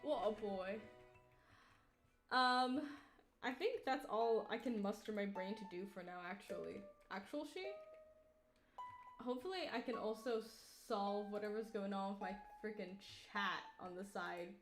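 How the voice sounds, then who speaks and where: Drawing on a livestream, a twentysomething female artist talks at an unhurried pace in a medium-pitched voice. She rambles casually, yawns from tiredness, drops offhand swears, and jokes at her own expense, all in reverberant audio with faint music behind her.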